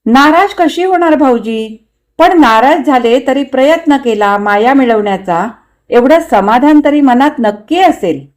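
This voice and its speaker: Woman doing a bubbly young wife in a story, high voice, slow and chirpy. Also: lively intonation, a little mellow. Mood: cheerful. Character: young married woman, lively and eager.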